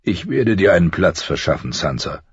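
Audiobook casting: a man playing a grave noble lord, very low husky voice, measured, dry sound. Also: big pitch swings, no room sound, full character voice. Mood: stern. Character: stern weary noble father, lord. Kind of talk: audiobook character voice. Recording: slightly muffled dry recording.

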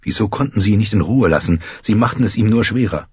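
A man reading an audiobook as narrator with lively, expressive storytelling. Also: on the low side, fast, breathy edge, dry recording. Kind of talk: scripted narration. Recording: muffled lo-fi, dry.

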